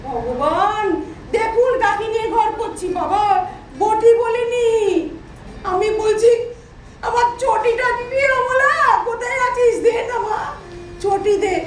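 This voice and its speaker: A woman's voice: very high voice, slow, slight background noise. An actress playing a daughter-in-law who keeps repeating words to correct her deaf mother-in-law. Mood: exasperated. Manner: patient then exasperated, repeating words. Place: large auditorium stage. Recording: echoey hall from far off.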